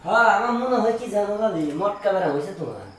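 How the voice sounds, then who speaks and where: A woman's voice: mid-range voice, big pitch swings, fast, close to an everyday voice. A woman playing a wheedling young brother-in-law. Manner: wheedling, pleading. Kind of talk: comic village skit acting. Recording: echoey room from far off, faint hiss.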